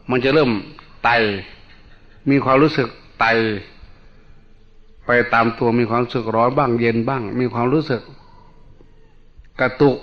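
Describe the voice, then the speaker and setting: A male Buddhist monk, calmly explaining meditation in a dharma talk and mixing in English terms. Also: mid-range voice. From Northeast Thailand. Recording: dull lo-fi recording.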